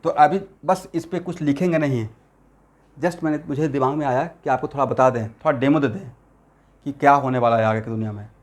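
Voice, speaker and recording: Speaking a little fast in a mid-range voice, a man teaches chemistry to a class, blending English terms into Assamese-accented Hindi. He keeps checking whether his students are following.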